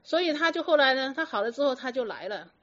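A woman telling stories about patients to an audience in a lively, lecturing way full of rhetorical questions. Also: high-pitched, fast. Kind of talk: storytelling talk to an audience. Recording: dull lo-fi recording.

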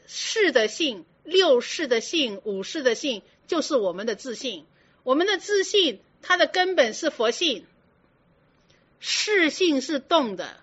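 A woman's voice: high voice, a bit bright, breathy edge. A woman teaching a Buddhist sermon, often asking her listeners rhetorical questions. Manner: asks many rhetorical questions. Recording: dull lo-fi recording.

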